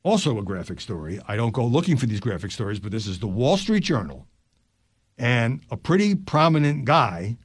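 An older man reads news stories on his podcast, his pitch rising and falling with lively emphasis. He drops his voice low for quick asides. The recording is close and dry, with no room sound. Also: slightly rough, dry recording.

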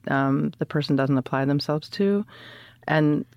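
A woman's voice: deep voice, a little slow, no room sound, highs cut off. A woman talking casually as an interview guest, blunt and opinionated, often acting out imagined remarks.

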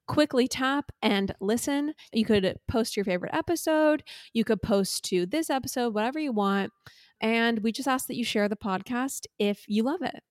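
A woman's voice: no room sound, studio quality. Chatty enthusiastic woman podcast host. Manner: chatty, enthusiastic product pitching. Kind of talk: casual podcast chat.

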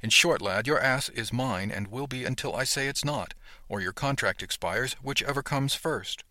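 Brief: man reading a gruff older woman captain, bright, dry read, barked orders. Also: medium pitch, moderate pace, dry recording. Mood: stern. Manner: barking, clipped orders.

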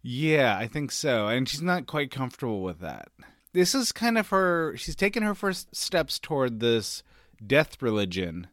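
A man's voice: medium pitch, big pitch swings, unhurried, a bit bright, no room sound, studio quality. A man hosting a book podcast in a casual, chatty way, reading passages aloud and laughing easily. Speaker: podcast host.

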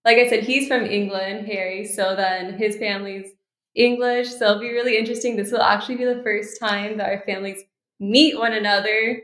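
Brisk and steady, her medium-pitched voice has a bit of brightness and some reverb around it. The speaker is an American podcast guest from Miami, Florida, in her twenties, a soon-to-be bride studying law, sounding cheerful and articulate in an easygoing interview.

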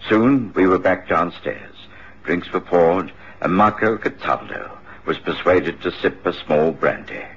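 Dr. Watson narrating, deep voice, husky, muffled radio sound. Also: male voice, lively intonation, a little slow, fairly bright tone, exaggerated voice. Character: loyal doctor companion narrating. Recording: muffled radio drama recording.

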